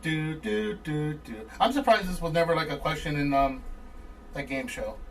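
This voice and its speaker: A man's voice: on the high side, moderate pace, creaky, a little hiss or hum. A man hosting a casual podcast, joking and teasing listeners as he runs a trivia giveaway. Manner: wisecracking, teasing. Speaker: podcast host.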